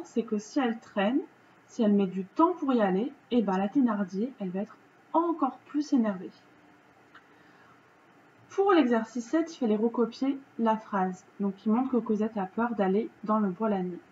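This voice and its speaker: A woman with a French accent, a teacher going through a reading lesson's answers for children in a slow, patient, step-by-step way. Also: medium pitch, a little mellow, highs cut off, a little hiss or hum.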